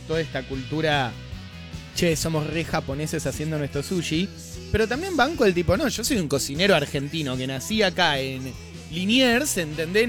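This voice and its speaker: Slangy man, higher voice. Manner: playful, riffs on scenarios, slangy. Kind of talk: casual chat.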